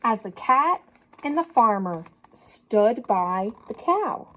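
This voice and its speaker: Reading a children's story in a teacher's manner, a woman sounds animated and encouraging. Her pitch is fairly high, and she pauses to address questions directly to the kids.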